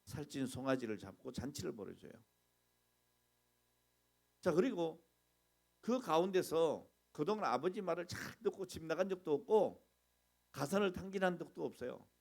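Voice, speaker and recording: A middle-aged man preaching a sermon as pastor, animated, asking the congregation questions and acting out complaints. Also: fairly high pitch, moderate pace, gravelly, pauses often.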